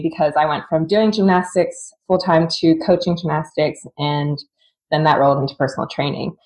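In poor audio, a woman with a low-pitched, darkish voice recounts her life casually as a podcast guest. She's in her thirties, from Singapore, and works as a fitness coach; her manner is open and talkative, with laughter breaking into her sentences.

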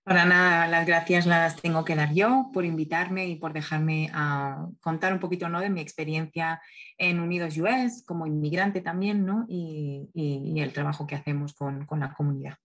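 Spanish woman guest, Valencia accent, low pitch, hesitant and reflective, video-call sound. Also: fairly even intonation, moderate pace, a bit bright. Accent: Spanish from Spain. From Spain, Valencia. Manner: thoughtful, many fillers and self-restarts. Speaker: guest, communications specialist. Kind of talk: interview over video call.

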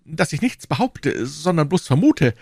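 A man's voice: very animated, moderate pace, creaky, a little mellow, dry recording, studio quality, full character voice. Bonacieux, a man doing a trembling shopkeeper. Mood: anxious, pleading. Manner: trembling, pleading, high-pitched. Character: timid frightened middle-aged male shopkeeper under interrogation. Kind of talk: audiobook reading.

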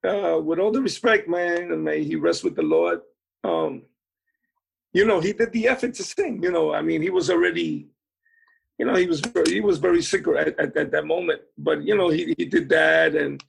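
On the high side and husky with vocal fry, this man's voice is expressive and moves at a moderate pace. A musician, he rambles through anecdotes about his band days in an interview, full of "you know" fillers and restarts.

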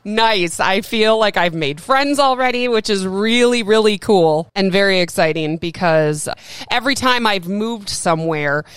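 A woman hosts a casual solo podcast, chatting upbeat and laughing often, with the ease of a former radio broadcaster. Her mid-range voice is a bit bright and clean, delivered at a measured pace in a dry recording.

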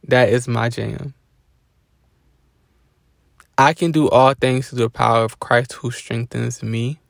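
A man hosting a podcast, giving a casual faith-based motivational talk with a relaxed, preachy delivery and frequent restarts. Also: medium pitch, creaky, dry recording, clean studio sound. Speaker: podcast host.

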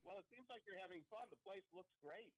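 A man's voice: high-pitched, quick pace, creaky, no room sound. A man calling in to a talk show, heard over a speakerphone, chatting in an easygoing way. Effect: distant speakerphone call heard over a loudspeaker. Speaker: caller. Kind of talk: casual chat. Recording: faint, distant phone call.

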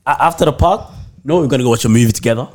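A young man in casual group chat, slangy, questioning and excitable. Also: mid-range voice, very fast. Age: young adult.

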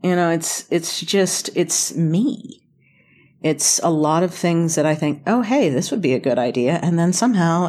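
An American woman from North Carolina tells stories as an interview guest, chatty, informal and self-deprecating in a casual conversational way. Her voice sits on the low side, a little mellow, with a breathy edge.

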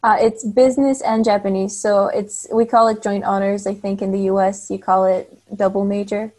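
A woman's voice: mid-range voice, little pitch movement, moderate pace, mellow. A woman in her twenties from Bulgaria, a Bulgarian native speaker talking in English as a guest in a casual interview, friendly and chatty with light laughs. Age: 20s. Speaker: guest cosplayer.

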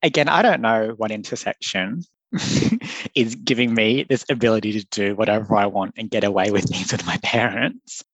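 Laughing often and phrasing things loosely, a young public health doctor from Australia gives an earnest, thoughtful podcast interview. He has a fairly low, fairly bright voice with a breathy edge and moderate pace, captured in a dry, poor-quality recording.

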